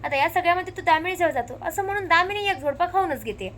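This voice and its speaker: Her pitch is extremely high and she talks fast, with a little hiss or hum in the audio. The woman recaps a TV serial episode with lively storytelling, quoting the characters' lines in turn.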